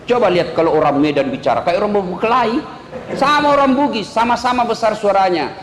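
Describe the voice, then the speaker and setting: Lively high-voiced man preaching. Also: a little fast. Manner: animated, jokes with the audience, rhetorical questions. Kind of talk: humorous sermon. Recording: echoey hall reverb.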